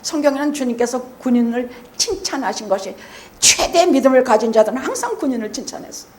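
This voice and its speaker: A woman preaching a sermon as pastor, blunt and teasing, swinging from quiet asides to loud shouted emphasis. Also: high voice, animated, quick pace, a little hiss or hum. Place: church sanctuary.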